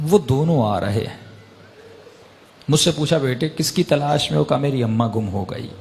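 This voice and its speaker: Gravelly guy preaching a sermon, tells it with lots of feeling, big echoey hall. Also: fairly high pitch, darkish tone. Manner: impassioned storytelling, rising to raised pleading peaks. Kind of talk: emotional religious storytelling sermon. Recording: long hall reverb.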